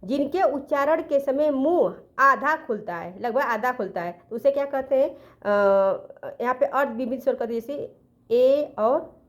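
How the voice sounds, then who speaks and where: High-pitched female teacher, exam coaching, methodical, answers her own questions. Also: expressive. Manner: explains step by step, asks and answers own questions; self-corrects, counts letters aloud slowly. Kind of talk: exam-prep grammar lesson.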